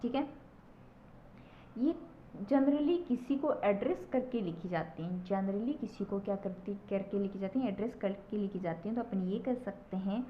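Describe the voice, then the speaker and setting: In a lo-fi, slightly noisy recording, a woman with a mid-range voice teaches poetry to her class. As an English literature teacher, she goes slowly, repeats key terms, and keeps asking "okay?" or "ठीक है" to check understanding.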